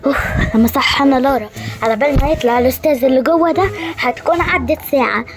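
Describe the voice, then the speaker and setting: A woman's voice: sits high, fast. A woman with an Egyptian accent playing a bossy, fussing mother of three in a homemade family role-play drama. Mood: nagging. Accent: Egyptian Arabic. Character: busy scolding mother of three kids. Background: background music.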